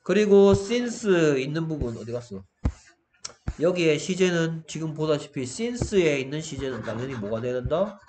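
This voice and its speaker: A male English teacher giving an online grammar lesson, his voice a little strained from shouting, who breaks into exaggerated student exchanges. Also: on the high side, moderate pace, a little hiss or hum. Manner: animated, acts out student exchanges in a raised voice.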